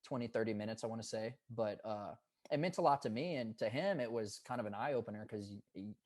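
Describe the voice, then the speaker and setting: A young man in his twenties talks on a podcast in a low, easygoing register. He tells his stories earnestly and gets hyped up now and then. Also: darkish tone, no room sound. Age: 20s. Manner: upbeat and hyped, drawn-out earnest storytelling. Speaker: guest, pro paintball player. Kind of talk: casual podcast interview.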